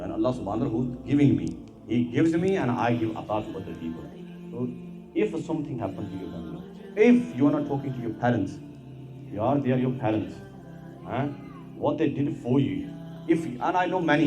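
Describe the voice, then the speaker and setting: A male imam with a Pakistani accent delivers an informal sermon at a brisk pace. He is animated and conversational, repeating phrases and throwing out rhetorical questions. The room is echoey and music sounds clearly behind him. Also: medium pitch. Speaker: imam preaching. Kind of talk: informal sermon mixing stories and advice.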